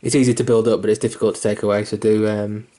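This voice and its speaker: Low, flat-voiced man teaching painting. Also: quick pace. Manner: loose and rambling, full of fillers and restarts; mildly self-deprecating and sweary. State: hiccuping. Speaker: miniature painting tutor. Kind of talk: casual painting tutorial.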